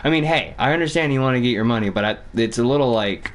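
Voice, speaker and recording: A young man from Vermont talks through a hockey management game on stream. He rambles, curses now and then and thinks out loud, at a pitch that sits mid-range for a man. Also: animated, fast. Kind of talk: casual gaming commentary.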